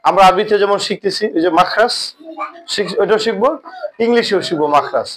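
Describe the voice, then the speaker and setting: A man from Bangladesh teaching English words to young children in a madrasa classroom, coaxing them to repeat after him and to say it louder. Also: high voice, brisk. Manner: coaxing, repetitive drilling, urging pupils to repeat louder. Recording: noisy classroom with children's chorus. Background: children chanting answers.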